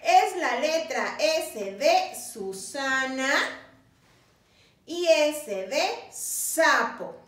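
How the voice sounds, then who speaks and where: A woman teacher giving a patient, sing-song reading lesson to young children, repeating each word slowly. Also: sits high, animated, fairly bright tone, recorded from a distance. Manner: slow, patient, sing-song, drills words by repetition. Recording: roomy echo, voice from the mic.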